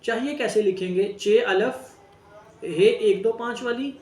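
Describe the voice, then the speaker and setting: A man's voice: sits high, measured pace, a little mellow. A man teaching a Braille lesson, spelling out each word letter by letter and talking straight to his students. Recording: echoey room, distant mic.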